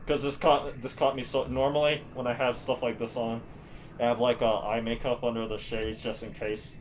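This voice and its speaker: A man's voice: lowish voice, slight background noise. A man livestreaming a game and chatting casually with his viewers. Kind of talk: casual gaming livestream chat.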